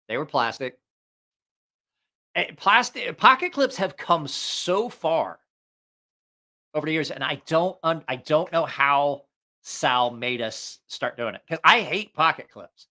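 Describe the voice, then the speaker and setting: Animated man rambling on a livestream, bright voice. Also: a little high. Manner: profane, jokey, digressive. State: congested with allergies, short of breath. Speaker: livestream host reviewing knives. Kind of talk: casual rambling livestream chat.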